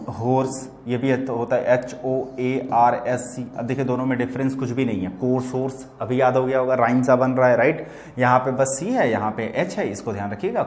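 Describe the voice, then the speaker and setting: A man's voice: medium pitch, reverberant. A man teaching English vocabulary to students in Hindi, explaining patiently and often checking that they follow. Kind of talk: vocabulary lesson.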